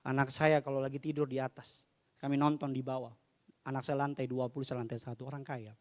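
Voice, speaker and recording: A pastor preaching a sermon from Indonesia, joking and swinging from loud preaching to quiet asides. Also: male voice, medium pitch, level tone, a little fast, in a large hall.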